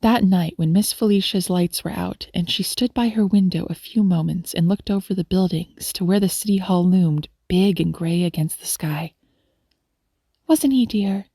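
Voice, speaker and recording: A woman narrating a classic story as an audiobook, reading gently and giving the characters their own voices. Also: lowish voice, fairly even intonation, normal speed, gravelly, few pauses, husky, no echo, clean studio sound.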